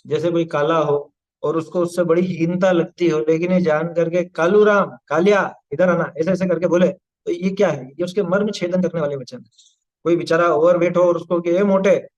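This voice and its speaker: A man teaches a scripture class on lo-fi audio, his voice on the high side, steady, and a bit dark, at normal speed. He explains things patiently, uses rhetorical questions to check understanding, and now and then recites Sanskrit verses in this study discourse.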